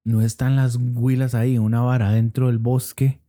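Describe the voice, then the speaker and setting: A man's voice: medium pitch, little pitch movement, moderate pace, warm tone. A young Costa Rican man in a casual chat, telling a camp story with slang and sudden outbursts.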